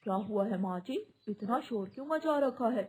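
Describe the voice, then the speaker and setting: A young husband bird in a cartoon questions sternly, played by a woman. The voice is fairly high and breathy, and it sounds a little distant at times. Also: lively intonation, normal speed, darkish tone. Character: young husband bird, son caught between wife and mother.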